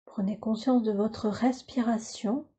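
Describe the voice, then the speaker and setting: This yoga nidra teacher, a woman, offers a guided relaxation using soothing, measured instructions. Her pitch runs fairly high, with a slightly rough texture.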